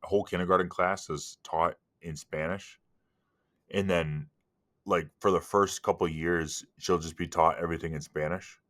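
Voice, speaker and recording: A man in his thirties co-hosting a podcast, laid-back and joking, with deadpan quips. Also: sits low, normal speed, no echo, clean studio sound. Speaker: podcast co-host. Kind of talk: casual chat.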